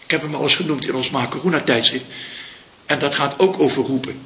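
A man giving a reflective Buddhist dharma talk as a teacher, speaking slowly and searching for his words. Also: medium pitch, pushed and bright. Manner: slow, searching, pauses to find words. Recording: echoey room, dull lo-fi sound.

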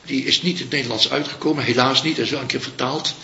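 A man giving a reflective Buddhist dharma talk as a teacher, speaking slowly and searching for his words. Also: mid-range voice, fairly even intonation, vocal fry, sharp tone, a little hiss or hum. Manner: slow, searching, pauses to find words. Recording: echoey room, dull lo-fi sound.

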